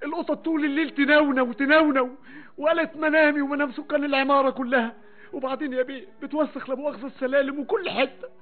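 A man's voice: extremely high pitch, fairly even intonation, quick pace. An actor playing an aggrieved, servile building doorman in a comic radio sketch, with an Egyptian accent, deferential and self-justifying. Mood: aggrieved, pleading. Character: aggrieved, servile male building doorman pleading his case. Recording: tinny phone-like old radio sound.

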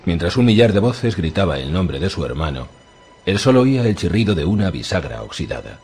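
A man narrating an audiobook in a measured, dramatic storytelling manner. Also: deep voice, very animated, a little mellow. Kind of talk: scripted narration.

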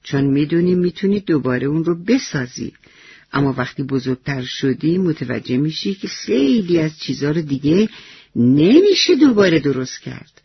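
A man voicing a kind, wise grandfather who speaks slowly and tenderly. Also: fairly high pitch, breathy edge, no room sound, dull audio, full character voice. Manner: gentle, slow and tender.

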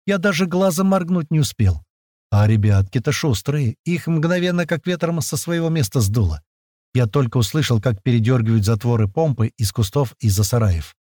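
A man narrating a first-person audiobook in a lively, slangy, conversational way. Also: mid-range voice, normal speed, no room sound, studio quality.

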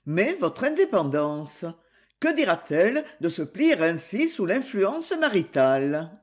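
A man voicing an earnest, devout young man in love, slow and solemn. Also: high-pitched, big pitch swings. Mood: ardent, tender.

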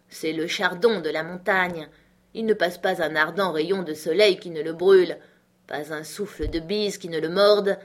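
A woman narrating a classic novel as an audiobook, measured and expressive. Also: on the low side. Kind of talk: literary audiobook reading.

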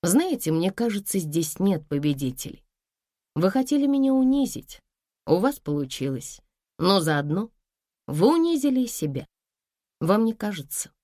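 Brief: worn-out young woman, voiced by a female reader, soft and weary, very dry recording. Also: medium pitch, very animated, normal speed, no room sound, lightly acted. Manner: quiet, weary, pleading. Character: tired, subdued young woman.

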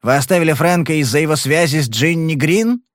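A man's voice: a little high, fairly quick, no echo, studio quality, pitched above the performer's own voice, close to an everyday voice. A man playing a blunt, probing detective. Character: cool, persistent male private detective.

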